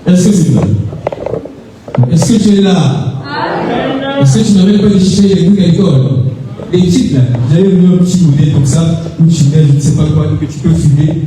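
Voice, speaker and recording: A man's voice: high-pitched, fairly quick, pauses often, far from the mic, noisy background. Young man preaching in an echoey hall. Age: young adult. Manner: asks the crowd questions and calls for amens; rises to shouts at times. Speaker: youth preacher. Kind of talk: sermon to a youth seminar.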